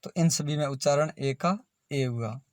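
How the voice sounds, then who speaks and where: Male pronunciation tutor, fairly high voice, very slow and deliberate, spells each word out before saying it. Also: dry recording, studio quality. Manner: spells words letter by letter, then says them slowly. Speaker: English pronunciation teacher.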